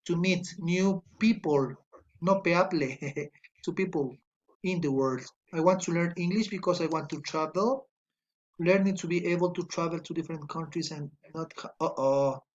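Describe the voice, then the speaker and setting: Fairly high in pitch and muffled in recording, this man's voice carries an Ecuadorian Spanish accent; he is a native Spanish speaker from Ecuador. He teaches English online, reading student answers aloud and correcting their spelling and grammar slowly and patiently.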